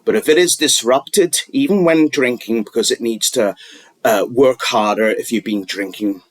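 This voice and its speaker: There's no room sound as a man with a medium-pitched voice gives wellness advice without a script. He keeps stopping, starting over, and padding with fillers as he rambles along.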